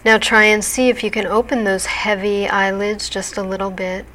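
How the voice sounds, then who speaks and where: A woman narrating a guided hypnosis relaxation in a soothing, deliberate, measured manner. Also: mid-range voice, flat delivery, pushed and bright, poor audio.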